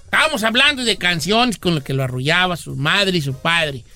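Man, radio host, very high pitch, very bright tone, playful exaggerated storytelling, faint music behind. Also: lively intonation, normal speed. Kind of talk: joking radio banter.

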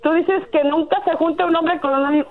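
A woman's voice: extremely high pitch, steady tone, normal speed. A middle-aged woman calling in to a radio show, insistent and preachy, talking over the host. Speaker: caller. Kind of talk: call-in radio chat. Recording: tinny phone line.

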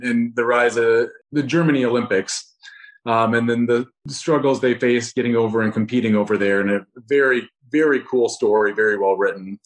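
A man answers as a podcast guest in casual conversation. His voice has a middling pitch. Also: low-quality recording. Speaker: podcast guest, dental professional. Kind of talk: casual interview talk.

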